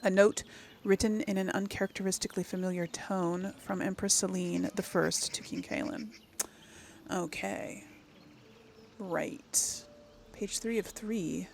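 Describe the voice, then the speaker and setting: A game streamer in her 30s or older hosts a role-play series, chatting casually while thinking aloud and reading to viewers. Her mid-range voice is gravelly and steady, unhurried, with a little hiss or hum in the background.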